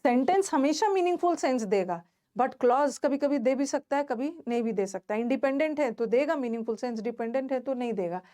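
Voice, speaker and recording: A woman's voice: high-pitched, animated, fairly quick, dark tone. A woman teaching a grammar lesson in Hindi mixed with English terms, explaining step by step, repeating key words and asking the class questions.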